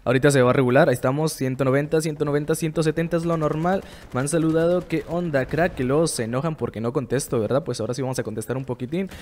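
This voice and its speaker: A man giving casual, excitable commentary over his own shooter gameplay, swearing and reacting quickly. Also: fairly high pitch. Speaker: gameplay streamer.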